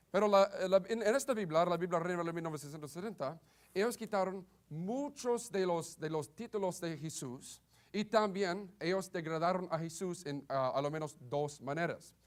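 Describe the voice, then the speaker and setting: A man preaching a sermon in a hesitant way, often stumbling and restarting words. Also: fairly high pitch. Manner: halting, many restarts and stammers. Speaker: Baptist preacher.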